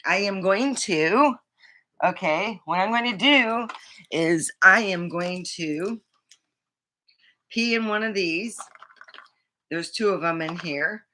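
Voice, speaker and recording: A woman's voice: medium pitch, slow pace, long pauses, sharp tone. A middle-aged American woman chatting casually to the camera in a rambling, blunt way with plenty of swearing. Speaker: vlogger.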